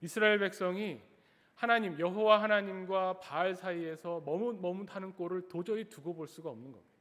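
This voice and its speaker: A man's voice: high voice, fairly quick, fairly bright tone. A man preaching a sermon as a pastor, emphatic and full of rhetorical questions. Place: church sanctuary. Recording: echoey church hall.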